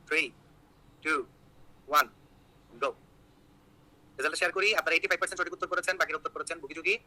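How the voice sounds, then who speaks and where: Young guy teaching an exam prep class, talks super fast, really bright tense voice, keeps cracking jokes. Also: a little high, rough recording. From Bangladesh. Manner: rapid, joking, repeats key points with "ঠিক আছে?".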